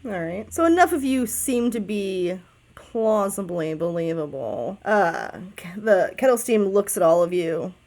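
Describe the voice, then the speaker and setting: A woman game master narrating a tabletop game in a relaxed, rambling way, correcting herself as she goes. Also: medium pitch, unhurried.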